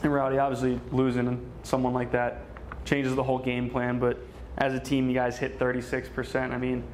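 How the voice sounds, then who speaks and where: A male interviewer asks post-game questions in a flat, level voice. He keeps a steady pace. Faint room noise sits behind. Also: medium pitch, fairly quick, rough recording.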